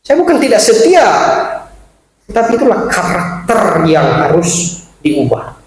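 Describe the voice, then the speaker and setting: A man preaching a sermon to his congregation in a chatty, animated way, addressing them directly and laughing along with them. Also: sits high, unhurried. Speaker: pastor. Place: large echoey church hall. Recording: echoey church hall, faint hiss.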